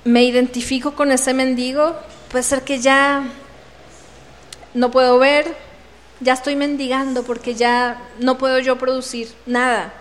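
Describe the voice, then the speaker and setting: Woman preaching slow at a women's retreat, high voice, acts out the bible story, big echoey hall. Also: level tone. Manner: dramatic read-aloud, acting out the voices in the story. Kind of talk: devotional talk reading scripture. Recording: reverberant hall.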